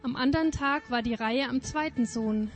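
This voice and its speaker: A woman reading a fairy tale aloud in a measured, expressive way. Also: sits high, soft background music. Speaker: reader. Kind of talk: storybook reading.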